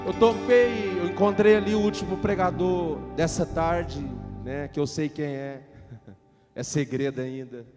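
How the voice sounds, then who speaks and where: A man preaching in a Pentecostal church with a Brazilian accent, switching between fervent shouted prayer and chatty asides. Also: fairly high pitch, steady tone, a little slow. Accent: Brazilian Portuguese. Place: church hall. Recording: church hall reverb with faint music.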